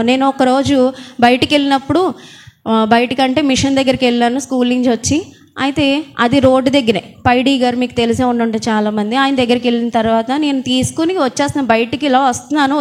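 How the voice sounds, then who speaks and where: High-voiced woman preacher, soft-spoken, questions the congregation throughout the sermon. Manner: quiet, calls her own voice small. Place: church hall with fans.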